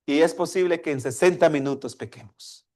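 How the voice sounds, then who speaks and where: A man's voice: on the high side, normal speed, a little mellow. A man preaching a sermon, asking his congregation questions and acting out a dialogue between a father and his child. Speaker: pastor.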